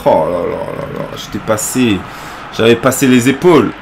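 A young French gaming streamer plays live, groaning, swearing and joking with his chat in exasperation at the game. His medium-pitched voice is expressive and creaky, at a moderate pace, with background noise behind him.

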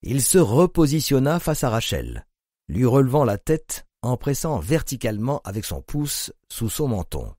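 A man narrating an audiobook in a grave, measured reading. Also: mid-range voice, very animated, warm tone, dry recording, clean studio sound. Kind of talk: scripted narration.

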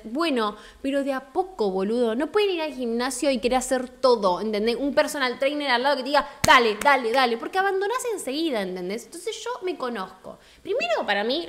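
Chatty Argentine woman, higher voice. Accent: Argentine Rioplatense Spanish. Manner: chatty, greets viewers warmly, frank and slangy. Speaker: livestream host. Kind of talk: casual live-stream chat.

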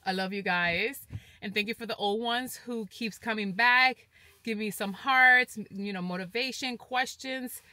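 A woman talks casually to her vlog audience. She is upbeat and motivating and repeats her points. Her voice is bright, and the sound is dry and close, with little room. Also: medium pitch, moderate pace, dry recording. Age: 40s. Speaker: fitness vlogger. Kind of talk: casual vlog chat to camera.

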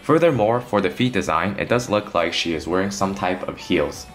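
Deep-voiced man narrating a toy review. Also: animated, normal speed, soft background music.

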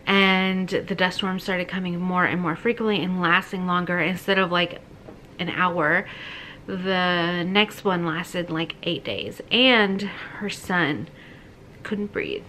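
A woman in her thirties chatting casually to camera as she retells a story in a halting, conversational way with emphatic asides. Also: lowish voice, bright, forceful tone, a little hiss or hum, low-quality recording. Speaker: book vlogger. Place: small bedroom, indoors.

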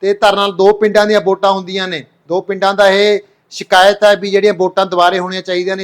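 Level-voiced Punjabi reporter. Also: male voice, sits high. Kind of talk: news report.

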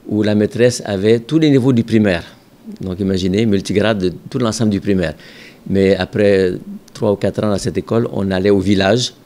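Seated at his office desk in front of a microphone, a religious brother who directs a school in Ontario, Canada, calmly reminisces in interview answers. He's an older man with a lowish voice, measured and reflective, pausing with occasional hesitations.

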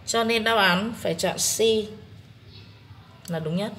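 A woman English teacher with a Vietnamese accent, calmly working through an exam-prep test one question at a time. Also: medium pitch, slight background noise. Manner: slow, methodical explaining. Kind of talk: exam-prep lesson walkthrough.

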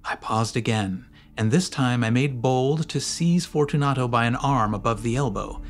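A man narrating a gothic story as an audiobook, in a measured, theatrical manner. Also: medium pitch. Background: faint music and sound design.

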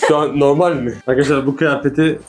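A man's voice: on the high side, steady tone, fast, soft background music. Easygoing man chatting in a home kitchen. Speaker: co-host of a couple's cooking channel. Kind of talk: casual cooking vlog chat.

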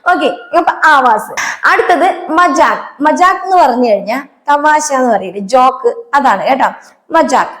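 A woman teaching spoken Hindi, patiently repeating example sentences slowly and often checking that learners follow. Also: high-pitched, animated, fairly bright tone, roomy sound. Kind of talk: spoken language lesson.

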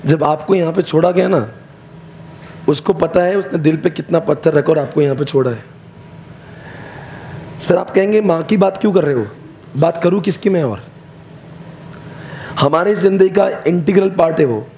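Brief: young male teacher, light mellow voice, storytelling motivational talk with a faint hum of room behind. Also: on the high side, normal speed, long pauses. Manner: storytelling, mixes Hindi with English phrases. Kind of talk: emotional motivational speech.

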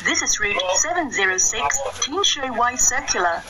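A woman's voice: on the high side, very animated, moderate pace. A woman giving formal transit announcements, built from prerecorded words spliced together. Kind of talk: automated station announcements. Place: inside a light rail train. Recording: loud train noise.

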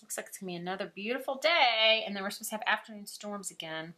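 An art teacher from Alabama talks in easy, chatty fashion, with a mild Southern accent. The woman's voice is bright and forward, and she breaks into laughter often as she talks. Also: mid-range voice, fast talker. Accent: Southern American. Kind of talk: casual chat while painting.

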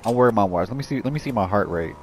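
Here the gaming host speaks at a racing pace with lively intonation over a noisy background. He fills the clip with anxious self-talk meant for his viewers and erupts into high-pitched panicked yells when threatened.

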